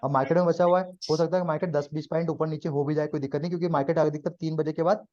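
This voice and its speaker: A man's voice: on the high side, steady tone, very fast, warm tone, lo-fi sound. A man teaching a live trading class to students, explaining step by step and often checking that they follow.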